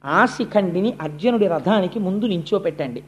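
A calm, noble old warrior grandsire speaks low and hushed, as a storyteller puts him on. The lines come slow and measured, with settled dignity. He sounds unhurried and composed. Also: muffled recording, close to an everyday voice. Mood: solemn.

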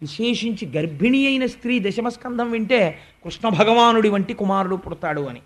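A man giving a devotional discourse, telling stories with animation and reciting verses slowly. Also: high-pitched, expressive. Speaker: spiritual discourse speaker.

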